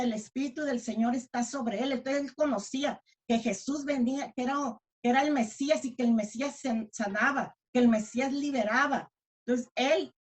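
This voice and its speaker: A woman preaching a sermon in a Mexican accent, her voice sitting a little high. She speaks earnestly, restarting words and correcting herself as she goes. When she quotes a desperate plea, she cries it out. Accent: Mexican Spanish.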